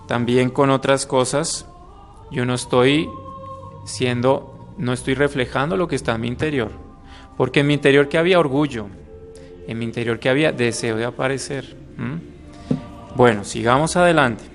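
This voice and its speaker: A priest gives a conversational catechism lesson to adults, often checking in with his listeners. His voice sits at a middle pitch for a man. Faint music lies under the recording. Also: fairly even intonation, moderate pace. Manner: conversational, acts out little quoted voices, asks "¿mm?" often. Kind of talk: catechism class talk. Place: room with a live audience.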